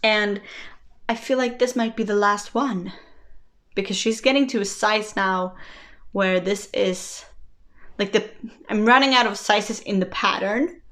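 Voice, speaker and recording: A woman's voice: mid-range voice, unhurried, long pauses, a bit bright. A woman, chatting casually about her knitting projects, laughing often and poking fun at her own mistakes. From Sweden. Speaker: knitting vlogger. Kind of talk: casual chat.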